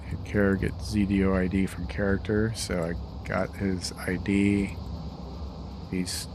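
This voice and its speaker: A tired man developing a game mod, thinking aloud as he reads code and tests it. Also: little pitch movement. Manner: mutters code to himself, tired, slow and low-key. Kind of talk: thinking aloud while coding and playing. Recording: clear background noise with keyboard typing.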